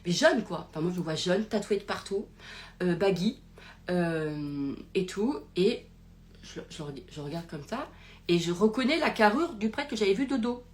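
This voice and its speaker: A woman's voice: lowish voice, expressive, normal speed. A young woman telling a personal story in a casual, rambling way, with many fillers and restarts, recorded live on a phone. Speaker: podcast host.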